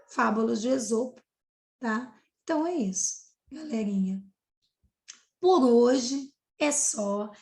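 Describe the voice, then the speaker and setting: High-voiced Brazilian woman teaching. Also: slow, pauses often, a little mellow, echoey room. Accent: Brazilian Portuguese. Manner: explanatory, checking in with students. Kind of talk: recorded video lesson.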